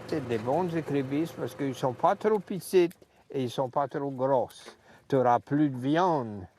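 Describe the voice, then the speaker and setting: A man's voice: medium pitch, slow, warm tone, slight background noise. A man from Louisiana speaking with a Cajun French accent, giving colloquial, rustic interview remarks as a crawfish farmer. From Louisiana, United States. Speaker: rice field owner and crawfish farmer.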